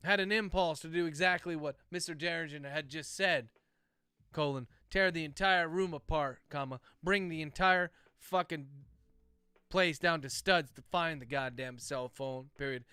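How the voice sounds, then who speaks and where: A man reading story text aloud as dictation, speaking each comma and paragraph break in a steady cadence. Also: on the high side, normal speed, smooth, no room sound, clean studio sound. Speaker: narrator dictating a novel.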